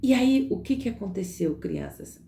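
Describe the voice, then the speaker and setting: A woman telling a dramatic story to children, animated, with sound effects and fillers. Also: mid-range voice, normal speed. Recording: roomy echo.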